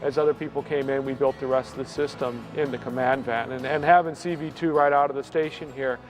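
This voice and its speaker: A man's voice: medium pitch, fairly even intonation, fairly quick. A man, a fire incident commander, talking through an after-action debrief in explanatory trade jargon. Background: faint music.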